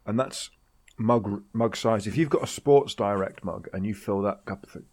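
A man in casual chat, making dry deadpan quips. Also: fairly low pitch, normal speed.

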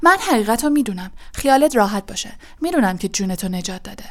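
A defiant teenage schoolboy voiced by a woman reader, his voice pushed up high and loud. He rushes his words in hot, indignant bursts in a storybook audiobook. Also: expressive. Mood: furious. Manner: raised, loud and hurried outbursts. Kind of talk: audiobook reading.

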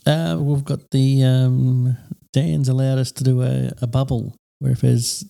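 A man, co-hosting a casual podcast in a small studio on a proper microphone, relaxed and hesitant, with many fillers. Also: medium pitch, measured pace, gravelly. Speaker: podcast co-host.

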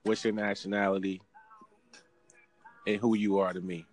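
A man's voice: lowish voice, little pitch movement, normal speed, soft background music. Laid-back teasing man on a call. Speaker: radio-style host. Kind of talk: casual phone call banter.

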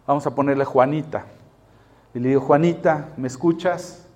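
A man preaching a sermon, telling a story in an animated way and acting out the voices he quotes. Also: a little high, moderate pace.

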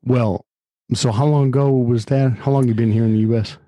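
A man from Chicago hosts a casual interview, chatting and rambling with friendly asides. His voice is mellow and warm in tone, and it sounds close and dry. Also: medium pitch, fairly even intonation, a little fast, no echo. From Chicago, United States. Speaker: podcast host.

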